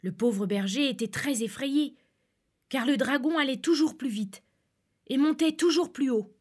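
Woman reading a fairy tale, higher voice. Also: a little slow, a little mellow, breathy edge. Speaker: storyteller.

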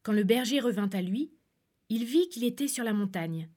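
A woman calmly reading a fairy tale aloud as storyteller. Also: on the high side, moderate pace.

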